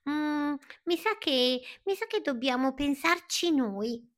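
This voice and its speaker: Woman putting on a hyper little girl caterpillar, squeaky and bouncy, always shouting ideas, storybook voice. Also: takes it slowly, heavily acted. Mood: excited. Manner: excited, exclaiming, high and bouncy. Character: lively bouncy female caterpillar, full of ideas.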